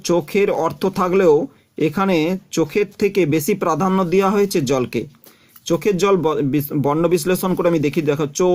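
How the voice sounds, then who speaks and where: A male teacher gives a patient classroom lecture, working through his points one by one. His voice sits a little high for a man. He keeps turning to his students and telling them to look at what he is showing. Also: a little mellow. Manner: explains step by step, repeating terms and examples.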